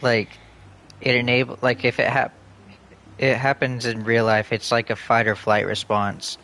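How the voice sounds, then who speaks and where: A man's voice: mid-range voice, flat delivery, unhurried, pushed and bright. A man streaming a video game, chatting casually in a rambling, profane, joking way. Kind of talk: casual chat while gaming.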